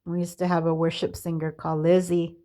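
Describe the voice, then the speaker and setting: A middle-aged woman telling her personal life story in a candid, confessional way, halting often with fillers and restarts. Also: on the low side, completely flat delivery, warm tone. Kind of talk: personal testimony, casual storytelling.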